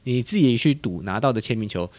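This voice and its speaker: A man in his forties with a Taiwanese Mandarin accent hosts a casual show-and-tell. He talks fast, and his pitch swoops up and down like an eager teacher quizzing a student. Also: animated, darkish tone. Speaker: host.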